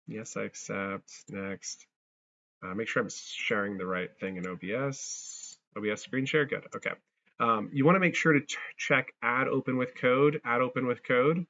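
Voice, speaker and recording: A man's voice: mid-range voice, bright, forceful tone, dull audio. Man with crunchy distorted audio. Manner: chatty, thinks aloud while clicking through steps. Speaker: tutorial creator. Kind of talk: casual screen-recorded software tutorial. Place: abroad, working on a laptop.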